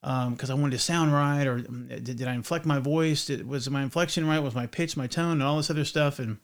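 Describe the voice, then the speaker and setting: A man's voice: medium pitch, fairly quick. Rambling, chatty male podcast host. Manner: rambling and chatty, with frequent restarts. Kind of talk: casual podcast chat.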